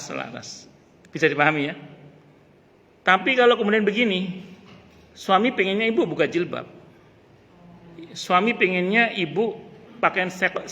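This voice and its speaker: A man a tinge gives a casual religious lecture, lively and joking. His voice is bright and a little high. A long reverb from the mosque hall trails behind him. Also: dull audio. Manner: lively, joking asides, repeats key phrases. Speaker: ustadz teaching a mosque study group.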